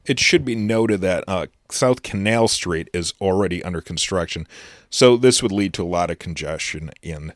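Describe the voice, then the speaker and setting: Male podcast host, on the low side, casual news roundup with plenty of "uh"s, close and dry. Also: normal speed, no echo. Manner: chatty, loose delivery with frequent "uh" fillers and restarts.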